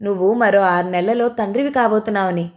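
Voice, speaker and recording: A woman narrator voicing a lively, bossy young female cousin who teases and scolds, in a storybook reading. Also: mid-range voice, a little fast, close to an everyday voice. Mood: teasing. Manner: teasing, scolding.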